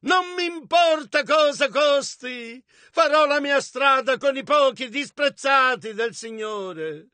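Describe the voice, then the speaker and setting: A man interprets a sermon phrase by phrase in a very high, bright voice. He speaks slowly and with emphasis, shouting where the preacher shouts, and the sound is close and dry. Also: dry recording.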